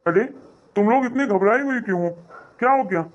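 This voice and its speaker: A woman's voice: on the high side, brisk, lo-fi sound, close to an everyday voice. A woman voicing a puzzled, impatient husband in a cartoon, who keeps demanding answers. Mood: questioning. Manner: questioning, impatient. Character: puzzled husband of the family, man. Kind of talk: cartoon voice acting.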